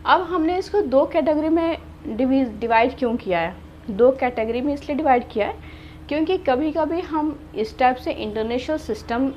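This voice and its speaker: Woman teacher, high voice, slow and patient, counts out places, faint noise behind. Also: a little mellow, dull audio. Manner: patient, repeats and asks herself questions; counts out number places one by one. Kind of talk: classroom math lesson.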